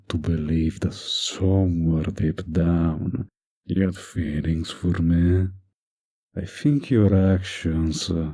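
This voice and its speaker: This is an intimate audio drama in which a man portrays a smug villain who flirts and manipulates. He speaks low and warm in a breathy, husky, exaggerated voice, pausing deliberately as he coaxes.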